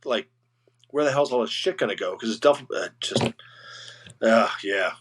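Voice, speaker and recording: A man's voice: on the low side, background noise. A middle-aged man, a retired army sergeant, chatting as a podcast guest, laughing and swearing as he recalls an old comrade. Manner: laughing, profane, halting with restarts. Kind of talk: casual chat.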